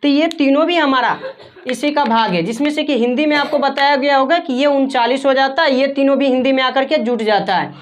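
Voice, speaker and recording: High-voiced woman teaching a class. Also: brisk. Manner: asks the class questions and repeats the answers. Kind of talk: classroom grammar lesson.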